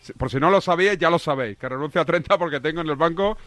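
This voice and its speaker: A man's voice: fairly high pitch, a bit bright, no room sound. A man hosting a sports radio show, chatting and joking with a colleague. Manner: joking, quick banter, reads out a text-message number. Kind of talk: casual radio chat.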